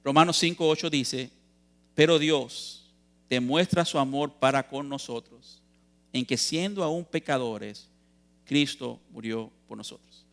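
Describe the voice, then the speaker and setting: A man's voice: mid-range voice, unhurried, vocal fry. A man preaching a youth sermon in a church, earnest and emphatic, posing questions and answering them, calling his listeners brothers.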